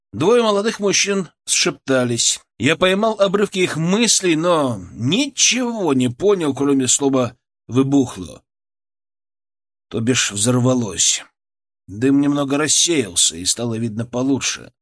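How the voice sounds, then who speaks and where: A man narrating a first-person story, reading it as an audiobook with lively, varied intonation. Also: medium pitch.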